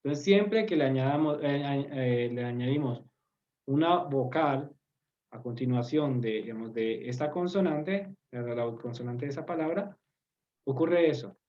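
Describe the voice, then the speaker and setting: A male teacher leads an online group lesson over a video call, his mid-pitched voice coming through dull and lo-fi. He explains patiently, pausing with fillers and often checking in with the class. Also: darkish tone. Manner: patient, explaining, checks understanding with tag questions; hesitant, many fillers. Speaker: Turkish teacher.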